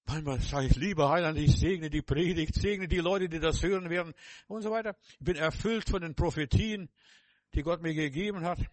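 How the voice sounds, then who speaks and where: A man's voice: a little high, moderate pace, a little mellow, dry recording. An older man preaching a sermon, fervent and repetitive, speaking straight to the listener with many restarts.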